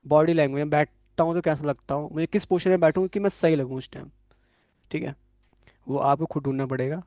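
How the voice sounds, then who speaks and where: A man's voice: a little high, fast, darkish tone, no room sound. Frank male coding instructor, dry sound. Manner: frank, coaching tone, frequent "theek hai" check-ins. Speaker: programming course instructor. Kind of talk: classroom lecture with live and online students.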